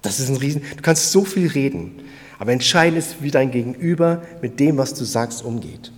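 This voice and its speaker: A man preaching a sermon, emphatic and swinging between loud and quiet, speaking directly to the congregation. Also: mid-range voice, lively intonation, brisk, long reverb tail. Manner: emphatic, rising and falling in volume, addresses listeners directly.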